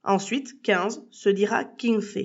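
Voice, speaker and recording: A woman's voice: mid-range voice, slow pace, muffled recording. A woman teaching a language lesson as a podcast, patiently spelling words out letter by letter and speaking directly to the listener. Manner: addresses the listener as tu. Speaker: Spanish teacher.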